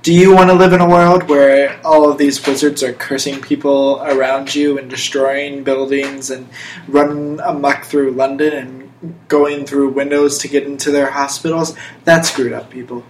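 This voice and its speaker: A young podcast host talks in a level, mid-range voice at a moderate pace, mixing casual chat with playful monologues delivered emphatically and mock-seriously. Faint noise and a roomy echo sit in the recording.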